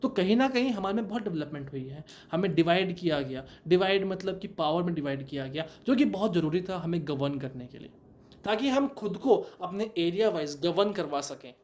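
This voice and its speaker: A young man gives an explanatory law lecture in Hindi, scattering many English terms throughout. He asks rhetorical questions and answers them himself. His voice sits high and sounds animated, fairly quick and a little mellow.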